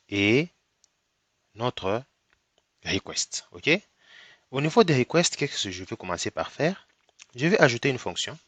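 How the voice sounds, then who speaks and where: A dry recording captures a man of medium pitch and slightly bright tone who has a cold. As a programming tutor in a screen-recorded coding lesson, he goes step by step at a slow pace, often asking "ok?".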